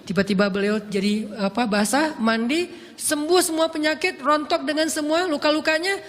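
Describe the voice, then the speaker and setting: Guy in his 30s giving a sermon, really high voice, acts out the dialogue, echoey hall. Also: moderate pace. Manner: lively, acts out quoted dialogue in raised voice. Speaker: preacher. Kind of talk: storytelling sermon. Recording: long hall reverb.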